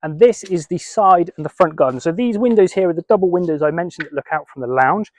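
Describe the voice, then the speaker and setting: Upbeat guy showing you round a house and garden, chatty, slightly high voice, dry close sound. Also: fast talker, no room sound. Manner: upbeat and chatty, addressing the viewer directly. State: out of breath from the heat. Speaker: estate agent giving a property tour. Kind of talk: walking property tour to camera. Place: house and garden, indoors and outdoors.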